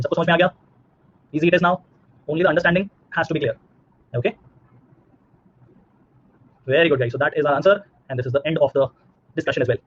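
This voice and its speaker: Rapid-fire Indian man teaching, slightly husky. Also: on the high side, highs cut off. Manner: repeats himself, checks understanding with questions. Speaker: online physics teacher. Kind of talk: live online lesson.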